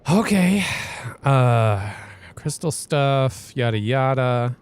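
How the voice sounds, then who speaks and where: A man's voice: mid-range voice, lively intonation, extremely slow, a little mellow, slight background noise. A man hosting a let's play, giving casual gameplay commentary in a rambling, hesitant way with frequent restarts.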